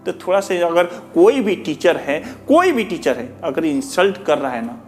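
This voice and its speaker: Man, teacher addressing students, earnest, rhetorical, slightly raised pitch. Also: sing-song, normal speed, soft background music. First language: Bhojpuri. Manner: earnest, repetitive, rhetorical questions, mixes in English. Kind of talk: addressing students, reading out feedback.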